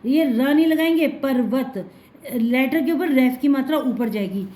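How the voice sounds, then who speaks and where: Woman teacher w a high warm voice, sounds out syllables slow n patient for kids. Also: expressive. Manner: patient, sounds out syllables slowly and repeats words; calls the listener "child" affectionately. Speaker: Hindi teacher. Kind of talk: spoken lesson for children.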